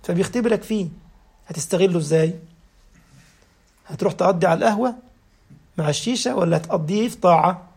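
A man's voice: high voice, quick pace, creaky, pauses often, darkish tone, slightly rough. A man with an Egyptian Arabic accent, giving a humorous religious talk as a preacher and laughing through his jokey anecdotes.

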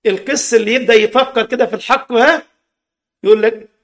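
A man's voice: extremely high pitch, fairly even intonation, fast talker, fairly bright tone. A man with an Egyptian Arabic accent preaching a sermon, impassioned, full of rhetorical questions and mocking asides.

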